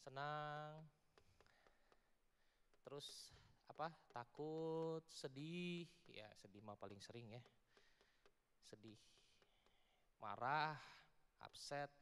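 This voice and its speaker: A man's voice: a little high, drawn-out words, pauses often, a bit bright, slight background noise. A man giving a casual youth sermon, joking and quizzing the audience while mixing in English words. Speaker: youth preacher. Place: large church hall before a youth audience. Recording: long echoing hall reverb.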